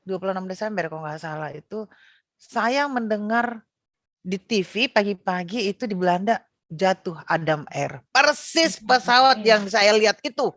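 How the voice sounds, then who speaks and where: A woman's voice: mid-range voice, lively intonation, normal speed, a bit bright, no room sound. Middle-aged woman telling a story, dry sound. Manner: conversational storytelling with frequent fillers and self-corrections. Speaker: guest sharing personal testimony. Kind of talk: casual spoken testimony.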